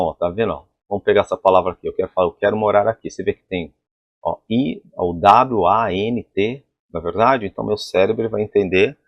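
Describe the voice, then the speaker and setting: At a board, a man gives an English pronunciation lesson, explaining sounds and putting rhetorical questions to the class. His voice sits on the low side, with no echo and the highs cut off.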